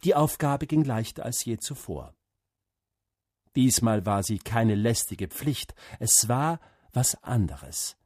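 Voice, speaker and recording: Brief: husky low-voiced man reading a story aloud, slow and lively, dry sound. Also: no room sound. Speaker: narrator.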